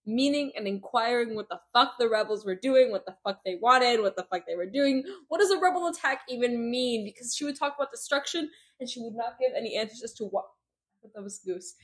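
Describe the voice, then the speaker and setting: A woman chatting on a book podcast, talking quickly in a husky, slightly breathy voice. She rambles excitedly and swears freely. Her voice sits a little high. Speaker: podcast co-host. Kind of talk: casual chat.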